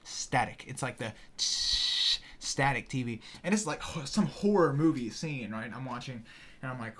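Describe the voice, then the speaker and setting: A young man with a medium-pitched voice, speaking at normal speed, appears as a podcast guest and tells a story in casual chat. He is animated, swears freely, and acts out the voices of the people in his story.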